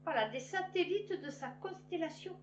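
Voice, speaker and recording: A woman reading news headlines aloud and adding sarcastic, animated asides to her viewers. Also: extremely high pitch, moderate pace. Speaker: news commentator. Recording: roomy, dull lo-fi with faint hum.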